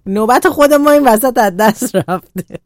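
A woman talking calmly as a radio guest, explaining parenting and boundaries in a measured way. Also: fairly high pitch, no room sound, clean studio sound.

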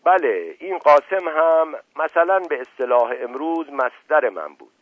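Casting: male reader doing a loud, boastful old uncle with a quick temper, over a dry, phone-thin line. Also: fairly high pitch, animated, no echo, pitched above the performer's own voice. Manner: boastful, shouting down interruptions. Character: pompous hot-tempered older man, a boastful uncle. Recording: dry, narrow phone-like sound.

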